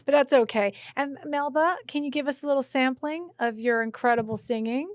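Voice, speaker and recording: A woman's voice: high voice, a little fast, dry recording, studio quality. A woman hosting a podcast interview, effusive and exclamatory in casual chat with her guest. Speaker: podcast host.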